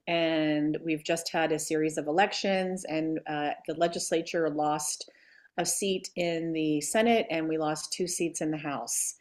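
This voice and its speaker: A woman who grew up in Greece and Delaware, a state legislator speaking earnestly and haltingly as an interview guest. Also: low voice. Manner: earnest, halting with many pauses. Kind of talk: interview conversation.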